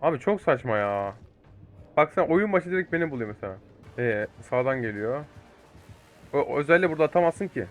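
A young man giving excitable live commentary over a multiplayer game, swearing and talking to teammates and viewers. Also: medium pitch, brisk, pauses often, faint music behind. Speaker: gaming YouTuber.

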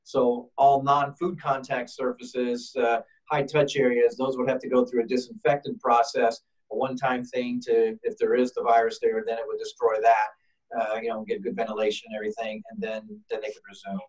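On a video call, a man explains cleaning procedures for food safety and the policies for employee illness. His mid-range voice is flat and moderately paced, and his manner is practical and reassuring. He sounds distant from the microphone.

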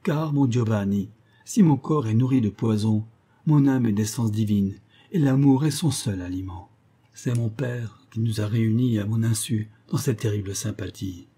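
A man voicing a tender young woman raised among poisonous flowers, speaking softly and pleading in a raised voice. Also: normal speed, husky. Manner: soft, pleading, raised pitch.

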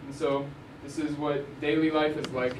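A young Arizona man speaks at normal speed, his voice on the high side with little pitch movement. As a journalist, he gives an informal slide lecture in a university hall, often saying um and restarting. It's captured at a distance on a room mic, with echo and noise.

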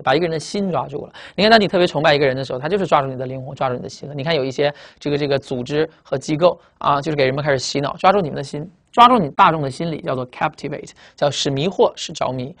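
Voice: mid-range voice, expressive, a bit bright. A teacher giving a classroom vocabulary lecture at a board, emphatic, asking rhetorical questions and spelling words out letter by letter. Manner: spells out letters and drags out target words slowly.

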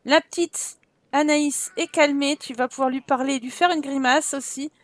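A woman's voice: high voice, steady tone, normal speed. A woman giving casual, teasing commentary while playing a life-simulation game. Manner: chatty, teasing, exclaims at the game. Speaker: gaming let's-play host.

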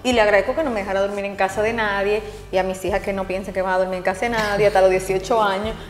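A woman host, a doctor, puts questions to her guest in a relaxed conversational manner. Her pitch is middle of the road. The echo hangs on in the room, with a thin bed of music behind. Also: very fast. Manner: conversational, asks probing questions. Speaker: host, physician. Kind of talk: interview conversation. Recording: roomy reverberant room, faint music.

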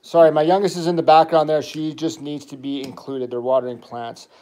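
A man in his thirties with a slightly raised voice, chatting loosely on a home livestream about toys. He rambles and throws quick asides to his viewers. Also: a little high, level tone, mellow. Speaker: toy channel host. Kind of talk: casual livestream chat. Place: family home.

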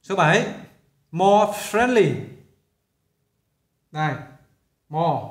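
A man talks through a lesson as a teacher, in a chatty, repetitive way. His voice sits a little high for a man. The recording has a roomy echo around it. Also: expressive, drawn-out words. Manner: chatty, repeats himself while explaining. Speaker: English teacher. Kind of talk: casual classroom explanation.

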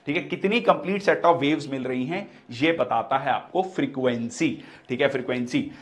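Guy teaching physics, kinda high voice, keeps repeating stuff and saying theek hai. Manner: explains step by step, repeats key terms, frequent "theek hai" checks. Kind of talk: exam-prep lecture.

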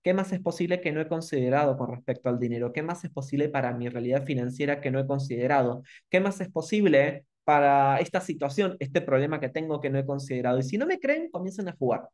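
A man with a Rioplatense Spanish accent teaching an online masterclass, animated and repeating questions with emphasis. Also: a little high, fast talker, few pauses.

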